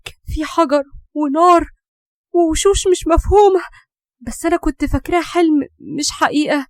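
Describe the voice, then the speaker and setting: A woman's voice: sits high, fast, no room sound, clean studio sound, voice pushed up, lightly acted. A woman voicing a frightened young Egyptian woman haunted by spirits, in an audio horror story. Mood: terrified.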